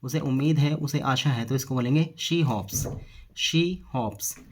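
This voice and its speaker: Man, English teacher, unhurried delivery, repeats every example. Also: medium pitch. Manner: slow, repeats each example sentence twice. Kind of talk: spoken English lesson in Hindi.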